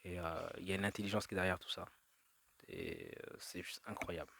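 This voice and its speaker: A man's voice: low-pitched, huge pitch swings, fairly quick, gravelly, fairly bright tone, slight background noise. A man vlogging outdoors, talking his thoughts through in a drifting monologue, full of fillers, restarts and detours. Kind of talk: rambling reflective monologue. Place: outdoors in nature.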